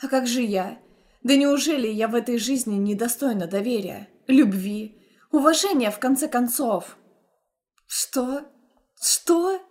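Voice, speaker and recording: A woman's voice: a little high, moderate pace, a little mellow. A young woman narrating a first-person audiobook in an intense, emotional storytelling manner.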